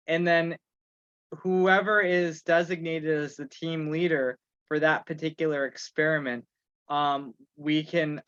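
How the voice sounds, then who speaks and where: Chairing an informal online meeting as host and organizer, a slightly high-voiced man talks haltingly, thinking out loud. His audio sounds like a muffled video call: dry and a bit dull overall, though a touch bright.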